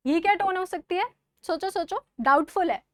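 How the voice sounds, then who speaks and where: A woman's voice: extremely high pitch, normal speed, no echo, clean studio sound. A woman with an Indian accent teaching an online exam-prep lesson. She switches between Hindi and English, quizzes her students and repeats the key words.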